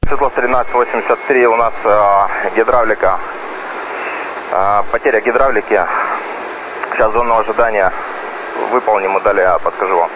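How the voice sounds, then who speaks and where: A man speaking as an airline pilot over the radio, using brisk radio phrasing with hesitations. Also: fairly low pitch, steady tone. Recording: narrow radio band with static noise.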